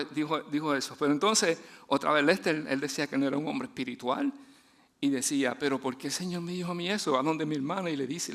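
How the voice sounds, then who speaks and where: A man preaching a sermon in a chatty storytelling way, laughing often, restarting his sentences and dropping soft and low for his main points. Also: vocal fry. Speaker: guest preacher.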